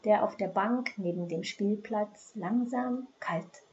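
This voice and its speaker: A woman reading a crime novel aloud in a measured, dramatic way. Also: mid-range voice, background noise. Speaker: audiobook narrator. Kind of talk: scripted crime novel narration. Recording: dull lo-fi recording.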